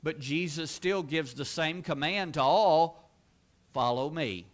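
A man with a high, light voice delivers a church sermon. He preaches earnestly and emphatically, repeating key words and pushing his voice up and louder at the peaks. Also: takes it slowly. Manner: earnest, emphatic preaching with rising exclamations and repetition. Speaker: pastor. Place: church sanctuary.

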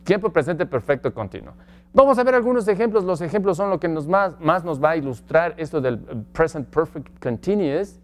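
English teacher who drags out model phrases. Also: male voice, a little high, lively intonation, normal speed. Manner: asks the class questions. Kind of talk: slide-based grammar lesson.

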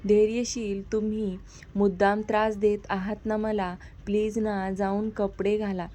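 A woman's voice: medium pitch, little pitch movement, unhurried, warm tone, natural voice. Woman reading as a shy, pleading young wife.

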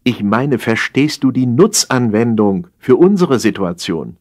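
A man with a medium-pitched, sing-song and slightly mellow voice speaks a little slowly. He's voicing an opinionated male café regular in a satirical piece, lecturing his friend in a sly, pompous, emphatic way.

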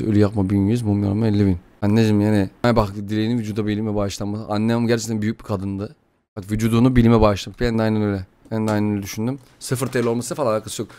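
A young man playing a life-simulation game and commenting fast in a casual, excitable way, often jumping into loud, high outbursts and joking curses. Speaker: gaming YouTuber. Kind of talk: gameplay commentary.

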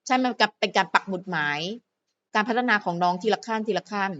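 A woman's voice: mid-range voice, fast, fairly bright tone, muffled recording. A woman hosting her own fan channel, chatting playfully to viewers and to herself in a casual solo vlog.

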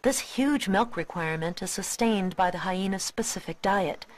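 A woman reading scripted nature documentary narration in a measured, expository way. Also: medium pitch, animated.

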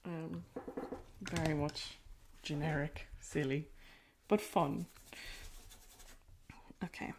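With a low, steady voice, she draws out her words and leaves long pauses while a noisy background hums along. She's a rural Irish artist hosting a painting livestream, talking casually, downplaying herself and using lots of fillers while she paints.

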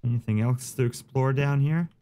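A man's voice: medium pitch, normal speed, warm tone, slight background noise. Jumpy man commentating a horror game. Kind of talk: gameplay commentary, thinking aloud.

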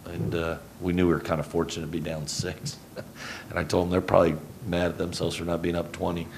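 A middle-aged man from Houston, a head basketball coach, answering reporters after a game in a rambling, self-correcting, low-key way, speaking into a table mic in a press conference room. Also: monotone, fast, a little mellow, slight background noise. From Houston, Texas. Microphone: table mic on a stand.

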